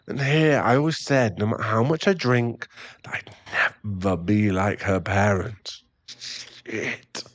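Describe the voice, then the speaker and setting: In an ASMR roleplay audio drama, a man with a low-leaning voice gives a full character performance as an irritable, defensive, hard-drinking werewolf boyfriend who is about to become a father. He sighs and snaps, but here he sounds shaken and remorseful.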